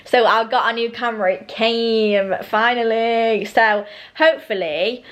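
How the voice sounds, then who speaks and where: A woman's voice: on the high side, fairly even intonation, unhurried, a bit bright. Chatty young British woman with braces. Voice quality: slightly slushy speech from braces with elastic bands. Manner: rambling, self-interrupting, informal. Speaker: vlogger. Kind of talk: casual chatty vlog.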